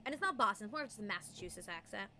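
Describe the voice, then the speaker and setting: This young adult game streamer rambles through casual live-stream chat at a racing pace, full of "um" and "like" and playful voices and mimicry. The medium-pitched voice has lively intonation and a pushed, bright quality, with a little hiss or hum in the recording.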